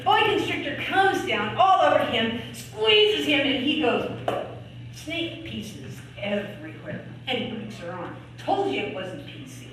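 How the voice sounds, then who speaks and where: A woman telling a long joke at an open mic, chatty and laughing at her own punchlines. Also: high voice. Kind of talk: live stand-up joke telling. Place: small comedy club stage. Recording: echoey room from far off, noisy.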